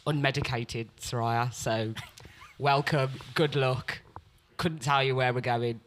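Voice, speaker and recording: A young woman co-hosting a casual radio talk show, animated and laughing, often trailing off and restarting her sentences. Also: very deep voice, slow. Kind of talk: casual chat. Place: radio studio.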